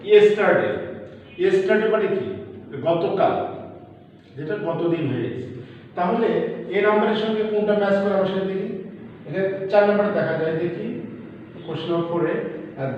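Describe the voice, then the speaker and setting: A man with a Bangladeshi accent teaching an English lesson, explaining words slowly and spelling them out letter by letter. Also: sits high, a little hiss or hum. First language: Bengali. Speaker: assistant teacher. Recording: echoey hall, far from the mic, dull.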